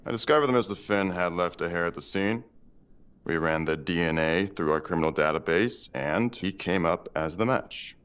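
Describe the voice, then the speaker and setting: An actor voicing a calm, matter-of-fact male forensics officer who reports facts dryly. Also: low voice, moderate pace, clean tone. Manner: dry, factual reporting.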